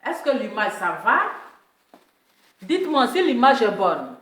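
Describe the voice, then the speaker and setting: A woman's voice: on the high side, very animated, a little slow, a bit bright. Woman live-streaming in a very echoey room. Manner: repetitive, teasing, often laughing, addresses viewers directly. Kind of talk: casual live-stream chat to viewers. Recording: echoey room, voice from far off the mic.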